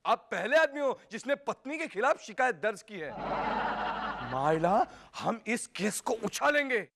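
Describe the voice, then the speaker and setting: A man's voice: very high-pitched, sing-song, measured pace, vocal fry, slight background noise, heavily acted. An actor playing a pushy, self-important male activist with an emphatic, rallying way of speaking. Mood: zealous. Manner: emphatic, rallying, slogan-shouting. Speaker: activist for a men's rights group. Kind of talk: sitcom acting.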